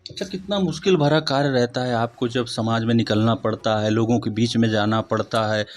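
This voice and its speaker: A man interviewing a guest, asking polite questions in a somewhat halting way. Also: mid-range voice, fairly even intonation, a little hiss or hum. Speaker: interviewer, local reporter.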